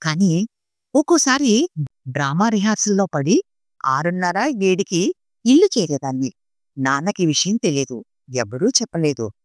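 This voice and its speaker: A woman narrating an audiobook story reading in an expressive storytelling manner. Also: fairly low pitch, a little slow, long pauses, no room sound, clean studio sound.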